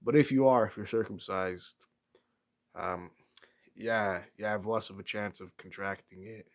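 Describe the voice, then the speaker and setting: Halting man with a lowish voice. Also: fairly even intonation. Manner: hesitant, halting, searching for words. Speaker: vlogger. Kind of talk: rambling casual opinion talk.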